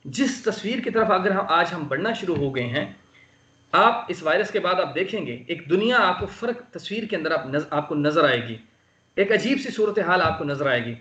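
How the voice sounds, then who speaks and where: A man's voice: a little high, expressive, normal speed, pushed and bright. A man from Pakistan preaching an earnest, emphatic sermon over an online call. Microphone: online call microphone. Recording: roomy, dull lo-fi online call audio.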